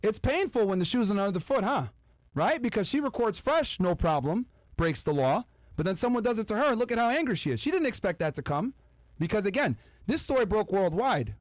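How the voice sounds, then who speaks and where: An emphatic man hosts a podcast, talking straight to his viewers between clips. His pitch swings widely and sits a little high. The sound is dry and close. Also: brisk, no echo. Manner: animated, emphatic, addresses viewers directly. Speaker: podcast host. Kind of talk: commentary over clips.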